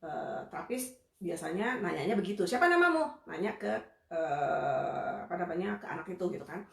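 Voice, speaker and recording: A woman's voice: fairly low pitch, moderate pace, vocal fry. A woman behavior analyst giving a casual, conversational live lesson to parents, chatty and full of tag phrases. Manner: chatty, conversational, often tags phrases with "gitu ya". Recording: echoey room livestream audio.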